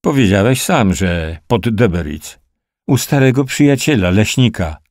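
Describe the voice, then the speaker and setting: A man's voice: on the low side, expressive, measured pace, a little mellow, no room sound, studio quality. A man voicing a brutal male officer interrogating a prisoner, in an audiobook reading, with a sneering, threatening delivery. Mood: menacing.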